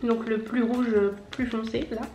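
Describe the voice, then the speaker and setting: A woman's voice: on the high side, flat delivery, unhurried, a little mellow, a little hiss or hum. Chatty young woman, echoey room. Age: 20s. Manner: chatty, explains each step as she goes. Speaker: makeup vlogger. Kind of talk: casual makeup tutorial. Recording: echoey room, faint background music.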